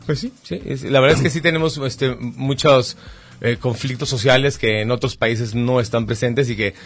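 A man's voice: medium pitch, fairly even intonation, normal speed, husky, faint music behind. A man hosting a radio talk show, talking casually and with strong opinions, using many fillers.

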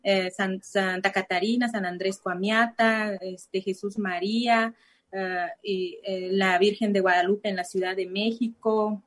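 This interview guest, a native Cora (Náayeri) speaker from Nayarit, Mexico, recounts personal experiences in Spanish. Her medium-pitched voice is steady and a little slow, and she hesitates with many fillers and restarts.

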